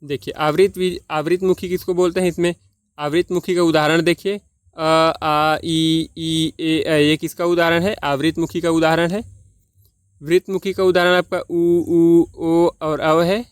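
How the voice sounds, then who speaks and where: A man from Chhattisgarh teaching exam-prep grammar, who puts key points to his students as questions, answers them himself, and spells out sounds slowly one at a time. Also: a little high, flat delivery, smooth, no echo. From Chhattisgarh, India. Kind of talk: explaining quiz answers.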